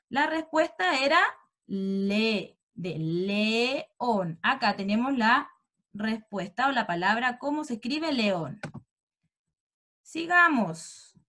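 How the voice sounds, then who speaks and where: A woman's voice: sits high, a bit bright. A woman, patiently teaching an online class for young children and prompting them with questions. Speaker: first-grade teacher.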